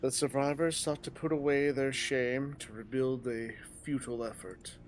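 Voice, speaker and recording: A man's voice: mid-range voice, steady tone, moderate pace, slight background noise, natural voice. A man voicing a weary ancient male dragon in a game, speaking in grave archaic lines and stumbling now and then as he reads them cold. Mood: solemn. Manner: archaic solemn delivery with stumbles from reading on the fly.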